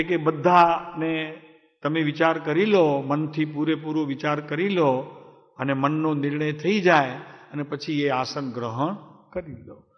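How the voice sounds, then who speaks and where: A man with a Gujarati accent telling a devotional story to a gathering, repeating phrases for emphasis and asking listeners questions. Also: a little high. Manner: repetitive, emphatic storytelling, asks audience questions. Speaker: spiritual discourse speaker. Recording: reverberant hall, dull lo-fi sound.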